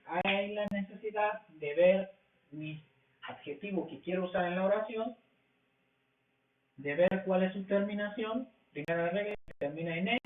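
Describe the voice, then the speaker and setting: A man teaching a language class, explaining rules slowly and asking questions that he answers himself. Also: high-pitched. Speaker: English teacher. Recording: tinny, echoey, from far off the mic.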